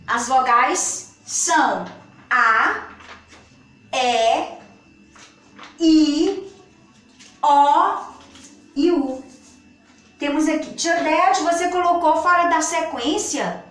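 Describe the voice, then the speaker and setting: A woman with a Brazilian Portuguese accent teaching a children's grammar lesson, speaking slowly and patiently and stretching out her words. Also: sits high, fairly bright tone. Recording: echoey room, far from the mic.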